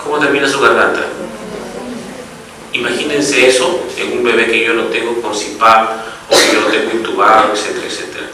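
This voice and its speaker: A man's voice: mid-range voice, flat delivery, a little fast, heavy reverb, far from the mic, a crowd in the background, poor audio. A man giving a medical lecture as a pediatric doctor, explaining step by step and often checking that the audience follows.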